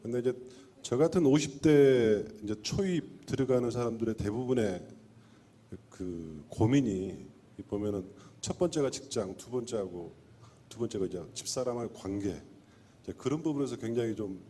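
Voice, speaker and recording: Husky man in his fifties. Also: mid-range voice, expressive, normal speed, warm tone. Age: 50s. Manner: hesitant, searching for words. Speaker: questioner. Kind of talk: telling a personal problem.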